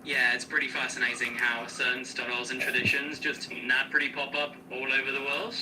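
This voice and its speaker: A man's voice serving as an AI co-host, answering questions in a smooth, upbeat, explanatory way with casual slang. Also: medium pitch, flat delivery, brisk, recorded from a distance, noisy background. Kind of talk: conversational Q&A co-hosting.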